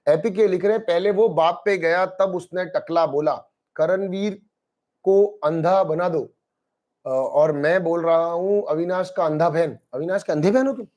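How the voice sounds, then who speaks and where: Guy on a live stream, kinda high voice, chatty, mixes in english, talks to the chat. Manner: animated, mixes Hindi with English phrases, addresses chat by name. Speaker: live-stream host reviewing a reality show. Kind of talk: casual live-stream chat reading viewer comments.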